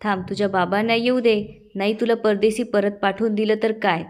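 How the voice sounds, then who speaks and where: Woman doing an angry, shouting mother. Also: mid-range voice, level tone, normal speed, close to an everyday voice. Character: furious protective mother, shouting neighbor.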